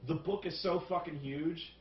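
Male review host, raised pitch, profane riffing, distant roomy recording. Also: normal speed. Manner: animated, profane, riffing rants. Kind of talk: casual group film review. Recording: roomy, distant, dull sound.

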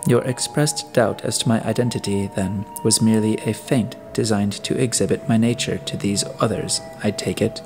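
A man voicing a calm humanoid male robot who serves as a detective's partner, speaking politely and formally. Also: medium pitch, moderate pace, over music, close to an everyday voice. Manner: polite, formal, even-tempered.

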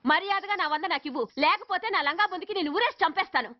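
An actress playing a sharp-tongued, fiery woman who scolds fast, from a dull lo-fi film soundtrack. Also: very high-pitched. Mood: angry.

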